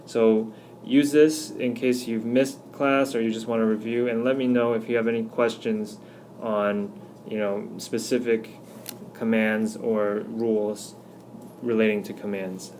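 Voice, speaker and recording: A man teaching a recorded grammar lesson, walking through slide examples patiently and slowing down to spell out each one. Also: lowish voice, flat delivery, a little mellow, slight background noise. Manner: patient, explanatory, slows down on examples. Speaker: Spanish teacher.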